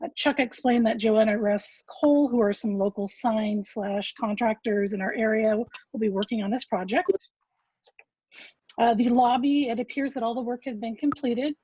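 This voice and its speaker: Husky woman on a lo-fi group voice chat. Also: a little high, normal speed, no room sound. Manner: steady, list-by-list reporting with fillers. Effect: group voice chat audio that cuts out. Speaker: agency member reporting at a public meeting. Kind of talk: formal meeting report. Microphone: computer mic on a video call. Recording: dull lo-fi online call audio.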